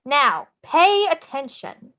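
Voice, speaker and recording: A woman playing an excitable, theatrical showman in a musical script read, with declamatory, singsong phrasing. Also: sits high, takes it slowly, exaggerated voice. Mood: insistent, explaining. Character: Jack, theatrical, excitable showman leader of Halloween Land.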